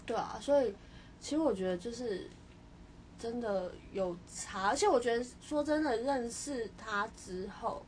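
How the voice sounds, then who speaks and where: Young woman co-host, fairly high voice, thoughtful and halting, faint noise behind. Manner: reflective, hesitant, with frequent restarts. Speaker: podcast co-host. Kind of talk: casual chat.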